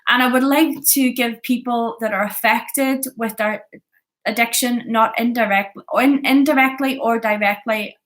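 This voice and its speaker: A woman in her early thirties from Belfast, Northern Ireland, with a Belfast Northern Irish accent, vlogs her personal addiction story. Her voice is a little high, steady, unhurried and fairly bright. Partly working from notes, she speaks candidly and earnestly in a confessional way, repeating points for emphasis.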